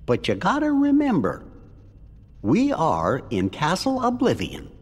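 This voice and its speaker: Jiminy Cricket, a folksy cricket. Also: male voice, a little high, huge pitch swings, a little slow, breathy edge, big-room sound, heavily acted. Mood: reassuring. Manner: gentle, reassuring, folksy. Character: kindly little male cricket conscience. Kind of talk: video game cutscene dialogue.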